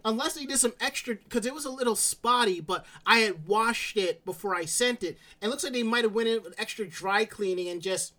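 Hosting a laid-back live stream chat, this New York-accented man speaks in a high, brisk voice with few pauses. He's animated as he tells stories, acting out how he reacted and quoting himself in asides.

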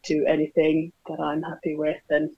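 A woman's voice: sits low, monotone, normal speed, slightly rough. Woman, from Finland, Finnish native, casual chat, frequent laughs, dull call audio. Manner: laughs often, hesitant with fillers. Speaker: guest. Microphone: video call.

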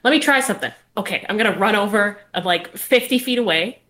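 A woman in the middle of a tabletop role-playing session speaks casually in character. She laughs easily and often hesitates with fillers. Her voice sits at a middle pitch. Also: fast talker, pushed and bright. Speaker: tabletop game player.

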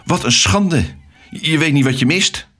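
A man voicing a cheeky young male macaw in a children's story, with an excitable, squawky high voice. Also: brisk, breathy edge, heavily acted. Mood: indignant.

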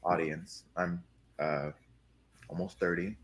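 A man's voice: deep voice, fairly even intonation, takes it slowly, a crowd in the background. A man in his twenties, a guest on a casual podcast, rambling and joking in a self-deprecating way. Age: 20s.

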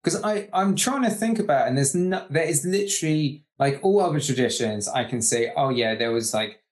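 A man from the UK in casual chat, rambling with lots of fillers and getting animated as he makes his points. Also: on the high side, fairly quick. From United Kingdom. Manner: rambling, heavy use of "like", animated.

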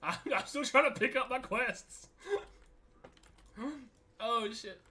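A man talking like a hyped gamer bro on a casual game stream, animated, exclaiming, slangy and profane. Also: very high voice, takes it slowly. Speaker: game livestreamer and podcaster. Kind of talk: casual gaming stream chat.

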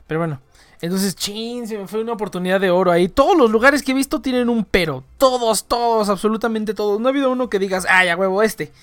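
On her live stream, a Mexican-accented woman chats casually with viewers, rambling along with slang and swearing. She speaks at a medium pitch and a quick pace.

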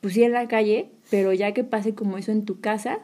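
Mexican woman telling a story, lively. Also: medium pitch, brisk. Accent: Mexican Spanish. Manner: animated, acts out her own reactions. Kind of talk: casual chat, storytelling.

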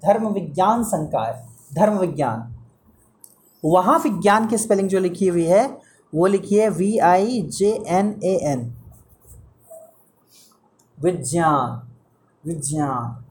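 A man's voice: high voice, lively intonation, unhurried, a little mellow. A man teaching Hindi pronunciation to a student one-on-one, patiently repeating sounds and correcting mistakes.

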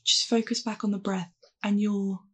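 A woman with a husky, creaky voice of medium pitch talks listeners through a calm grounding exercise in a guided mindfulness meditation. Her instructions are gentle and reassuring, delivered at normal speed.

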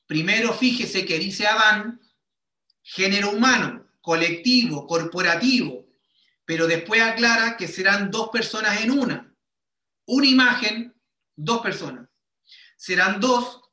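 A man preaching a sermon as a teaching, measured and explaining, often checking with his listeners whether they follow. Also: high-pitched, bright, forceful tone. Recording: roomy echo.

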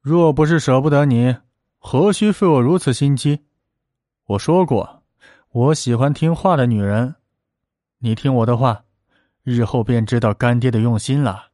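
A man voicing a powerful, calculating minister in a spoken story, stern and measured. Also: medium pitch, mellow, no echo, clean studio sound, lightly acted.

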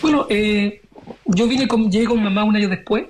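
A man's voice: high-pitched, moderate pace, a little hiss or hum. Thoughtful man in his forties. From Chile. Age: 40s. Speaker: member of parliament, interview guest. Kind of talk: reflective interview answers.

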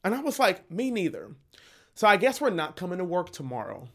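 Guy venting about his teaching job, bit higher voice, cusses a lot and keeps laughing. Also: a little fast. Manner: animated, profane, laughs through his stories. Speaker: teacher and podcast co-host. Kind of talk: casual storytelling chat.

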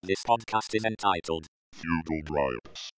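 A podcast co-host reading a title in a robot voice. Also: male voice, low voice, lively intonation, unhurried, a bit bright, pitched below the performer's own voice, low-quality recording.

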